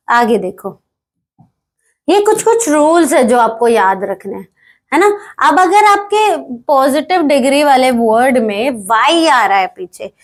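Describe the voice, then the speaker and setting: A woman teacher leads a grammar lesson, her voice sitting high. She talks in an unhurried, measured way. She keeps checking that her students follow and reads English examples out slowly and carefully. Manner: explains step by step, often checks with "है ना?".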